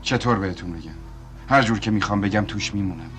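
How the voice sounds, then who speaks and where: A man voicing a calm, concerned family man in a dubbed film, speaking in a measured, apologetic way and then reassuringly. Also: fairly low pitch, faint music behind, lightly acted. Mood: earnest. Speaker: family friend recounting events. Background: film score.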